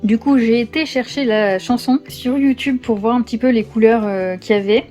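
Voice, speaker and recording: A woman chatting casually as she shows her finished coloring pages, with lots of filler pauses. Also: fairly high pitch, warm tone, faint music behind. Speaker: coloring channel host. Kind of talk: casual show-and-tell narration.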